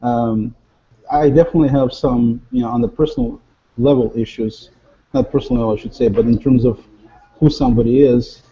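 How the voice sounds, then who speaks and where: Man, joking, teasing, gravelly voice, muffled call audio. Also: mid-range voice, lively intonation, a little fast. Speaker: panel host. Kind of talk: casual video call chat. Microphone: video call. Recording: dull lo-fi video call audio.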